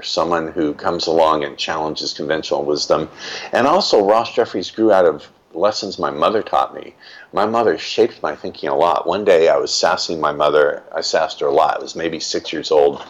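A man's voice: rumbling low, moderate pace, lo-fi sound. An older man, a guest in an interview, telling stories from his life in a reflective, emphatic way. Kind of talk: reflective storytelling.

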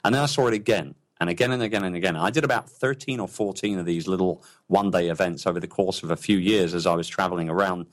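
A man's voice: low voice, fast, hardly any pauses. A man being interviewed about his businesses, speaking with enthusiasm and rambling through many restarts. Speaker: entrepreneur guest. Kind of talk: casual interview talk.

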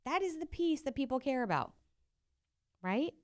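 A high, sing-song voice with a darkish tone, at normal speed, belongs to a woman running her own podcast as a profit coach. In this solo coaching talk she speaks directly and encouragingly to listeners, often asking rhetorical questions.

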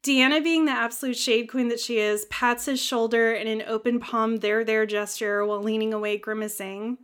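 A woman's voice: a little high, steady tone, normal speed, a bit bright. Wry woman recapping an episode. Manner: wry, sarcastic, laughs often. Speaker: podcast co-host.

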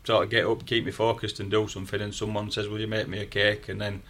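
A man's voice: lowish voice, little pitch movement, quick pace, a bit bright. A man with a broad Yorkshire accent, a guest telling how he began baking and decorating cakes, in a chatty, rambling way full of restarts. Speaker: cake maker, guest. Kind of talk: casual chat.

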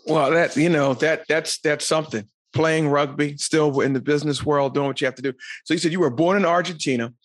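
A man's voice: fairly high pitch, steady tone, brisk, few pauses. A man hosting a podcast in an upbeat way, often repeating his phrases. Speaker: podcast host.

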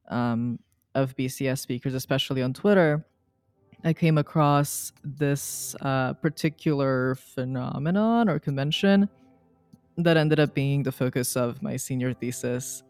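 A young woman from Serbia, a student, talking casually in an interview with many pauses and fillers. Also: extremely low pitch, a little mellow, clear, resonant tone, no room sound, clean studio sound. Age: young adult. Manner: hesitant, many ums and likes. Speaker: guest, student researcher.

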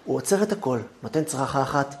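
Male rabbi, torah lesson, lively pitch swings, acts out angry voices, soft low phrase endings. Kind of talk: Torah lesson on the weekly portion.

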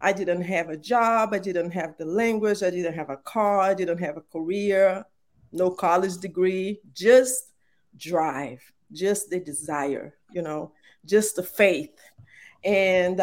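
Slowly and in a mid-range voice, a podcast guest with a Brazilian Portuguese accent and Portuguese as her first language narrates her own story in a relaxed interview. Earnest and warm, she speaks with evident faith and leans on frequent fillers.

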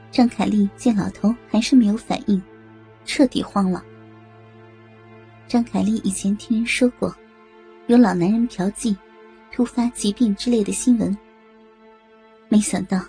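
A woman narrating a scripted story in a steady storytelling manner. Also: medium pitch, gravelly, husky.

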